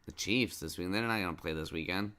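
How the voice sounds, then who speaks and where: A man's voice: deep voice, fast talker, pushed and bright, clean tone. A middle-aged man hosting a casual sports podcast with his child, patiently asking question after question and coaxing answers. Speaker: podcast host and dad.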